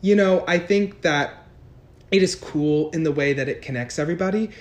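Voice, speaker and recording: A man's voice: on the high side, moderate pace. A young man co-hosting a podcast in casual chat, joking and teasing. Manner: joking, laughs and teases often. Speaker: podcast co-host. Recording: echoey room.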